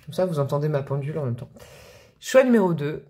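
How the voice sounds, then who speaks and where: A woman's voice: sits low, expressive, quick pace, mellow. Chatty woman reading tarot. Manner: chatty, rambling, with fillers and laughs. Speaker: tarot reader.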